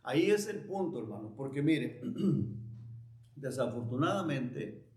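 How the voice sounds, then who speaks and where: A man preaching as a pastor, slow and emphatic, repeating phrases for weight. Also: mid-range voice, sing-song, darkish tone, reverberant. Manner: preaching slowly with emphatic repetition. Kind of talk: sermon. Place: church.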